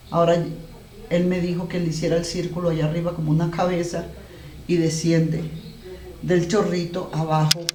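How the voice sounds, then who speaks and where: Earnest high-voiced preacher man. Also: background noise. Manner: emotional, earnest preaching with halting restarts. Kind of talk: sermon. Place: garage. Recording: echoey room, mic at a distance.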